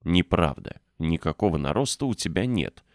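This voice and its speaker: A fiercely scolding, stubborn little girl, as a man reads her in an audiobook. The voice stays low and deep, with a dry, close sound and no room around it. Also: expressive, normal speed, creaky, a little mellow, no room sound. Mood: furious.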